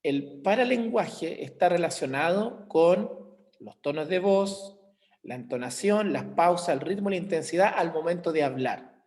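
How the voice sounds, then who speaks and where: Over a video call's computer mic, this man speaks in Chilean Spanish with a slightly high, slightly mellow voice. His delivery is expressive and a little slow as he teaches an online class, checking in with students and drawing on everyday examples.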